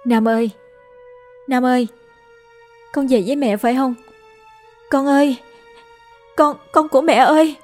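A woman voicing a grieving young mother haunted by her dead son, calling out high and tearful or murmuring low in prayer. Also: fairly even intonation, measured pace, long pauses, a little mellow, soft background music. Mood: pleading, tearful.

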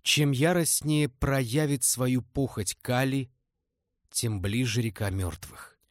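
A man voicing a dying old woman, a fierce former temple dancer, with a slow, solemn, prophetic delivery. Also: mid-range voice, dry recording, clean studio sound, close to an everyday voice.

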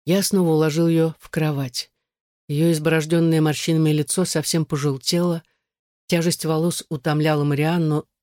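A man narrating a literary audiobook in a measured, subdued reading. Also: a little high, a little mellow, no echo, clean studio sound.

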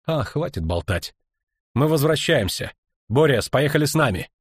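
A man reading an audiobook, voicing a tough, defiant young woman mercenary with a husky, blunt delivery. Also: fairly high pitch, big pitch swings, normal speed, dry recording, voice pushed up. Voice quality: husky, plain-spoken.

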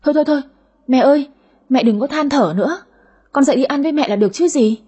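A woman voicing a greedy, sulky daughter in her thirties with a high, whiny voice in an audio story. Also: fast, mellow, lightly acted. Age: 30s. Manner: whiny, cheeky.

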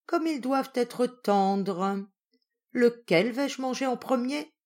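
A woman voicing a greedy, menacing male wolf in a storybook reading, speaking slowly and loudly. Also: a little high, soft background music, pitched above the performer's own voice.

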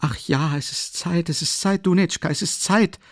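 Guy doing a jittery worried old-ish mom voice in an audiobook, high and fussy, kinda gravelly, dry close sound. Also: moderate pace, a little mellow, no room sound. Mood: fretful. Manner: flustered, exclaiming, high-pitched fretting. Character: anxious middle-aged mother, fretful and timid. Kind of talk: audiobook character reading.

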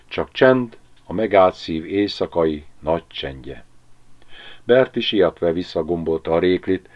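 A man narrates an audiobook in a very low voice, telling the story in an expressive, measured way. His intonation rises and falls in lively swings. The recording sounds slightly dull and muffled. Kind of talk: audiobook reading.

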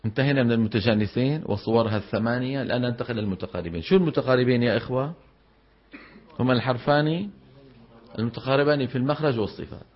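A man's voice: mid-range voice, racing, husky, highs cut off. A man teaching Quran recitation rules, explaining letter articulation and quizzing his students with rhetorical questions. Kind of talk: tajweed lesson with recited examples.

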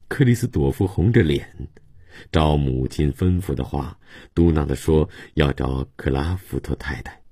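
A man narrating a literary novel as an audiobook in a calm, measured storytelling manner. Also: extremely low pitch, breathy edge, dry recording, clean studio sound.

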